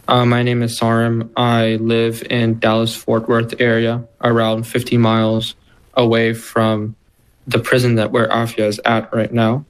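Flat-voiced young man, casual. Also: medium pitch, a little slow, clean tone, low-quality recording. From Texas. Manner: casual, relaxed, with like fillers. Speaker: interview guest, activist. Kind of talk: casual interview answers.

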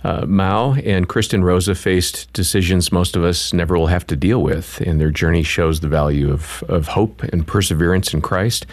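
A man's voice: low voice, steady tone, normal speed, few pauses, no echo, studio quality. A man co-hosting a radio show, reading the guest introductions in an announcer's manner.

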